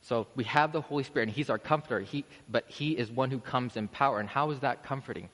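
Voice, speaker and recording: A man's voice: medium pitch, fast, fairly bright tone. A man preaching a sermon in a church, casual and conversational, restarting sentences and building to emphatic peaks. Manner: conversational, self-interrupting, rising to emphatic peaks. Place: church sanctuary. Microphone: podium microphone. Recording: long church reverb.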